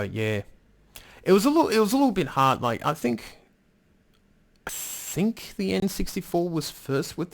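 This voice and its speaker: Reading his chat aloud, this livestream host chats in a rambling, casual way with the occasional curse. His mid-range voice is creaky and a bit bright.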